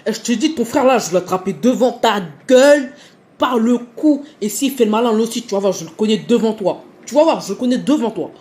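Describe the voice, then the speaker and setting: A woman voicing an aggressive young man who threatens loudly in heavy slang. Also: a little high, lively intonation, brisk, pitched above the performer's own voice, lightly acted. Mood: shouting. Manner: slangy, menacing, shouting.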